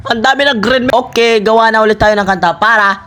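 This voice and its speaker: Young filipino guy narrating his game, real high voice, hyped and jokey, faint music behind. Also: fast talker. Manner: excitable, playful, switches between Tagalog and English. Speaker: gaming content creator. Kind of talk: casual gameplay commentary.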